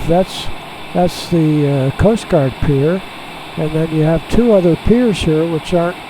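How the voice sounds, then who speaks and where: A man flying a small jet who talks through each step in a relaxed, halting way, heard over a pilot headset in the cockpit. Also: on the high side, vocal fry. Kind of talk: casual narration while flying. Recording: steady cockpit and engine noise.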